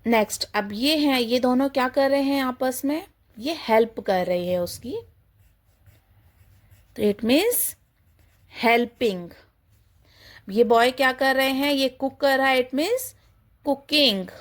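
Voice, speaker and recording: A woman teacher with a fairly high voice, slowly and patiently teaching small children English. She asks a question and answers it herself, and sometimes imitates animal sounds. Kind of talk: kindergarten English lesson in Hindi and English.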